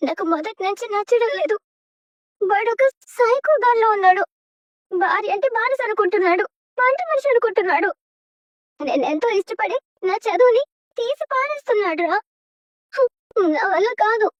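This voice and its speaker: A woman's voice: very high-pitched, animated, no echo, dull audio. An actress playing a spirited young woman who angrily refuses an arranged marriage in a TV serial drama. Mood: upset. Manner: indignant, sharp, fast retorts. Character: spirited young woman, bride-to-be, angry and defiant.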